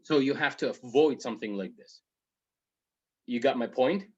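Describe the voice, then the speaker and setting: A man's voice: medium pitch, moderate pace, breathy edge. Egyptian guy teaching ielts speaking, mid voice, keeps saying okay, kinda muffled audio. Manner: explains with repeated okay checks. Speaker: English teacher.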